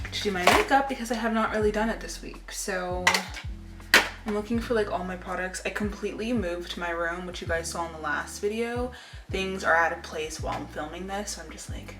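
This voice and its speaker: A woman in her twenties talking casually to camera as a vlogger, informal, rambling and confiding. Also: mid-range voice. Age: 20s. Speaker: lifestyle vlogger. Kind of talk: casual chit-chat to camera. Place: indoor room at home. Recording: roomy echo with music behind. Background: music.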